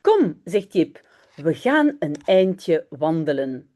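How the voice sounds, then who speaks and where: A woman reading the lines of an eager young boy who scolds his dog, in a lively storybook voice. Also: low voice, slow pace, pitched below the performer's own voice, heavily acted. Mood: cheerful.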